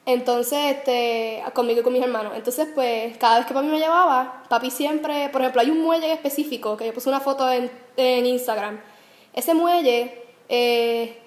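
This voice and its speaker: A woman's voice: sits high, slight background noise. A young woman vlogging to camera, telling a story in a chatty, self-mocking way with lots of fillers. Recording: roomy echo.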